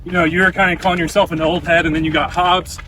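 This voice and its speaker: Dude interviewing while running, high voice, bro slang, bit far from the mic outside. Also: male voice, level tone, quick pace, bright, forceful tone. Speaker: podcast host, interviewer. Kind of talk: casual interview chat. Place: outdoors on a run. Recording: distant mic, outdoor ambient noise.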